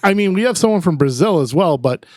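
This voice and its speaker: A young man co-hosting a casual podcast, laughing often through relaxed banter. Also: high voice, quick pace, no echo, clean studio sound. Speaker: podcast co-host. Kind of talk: casual chat.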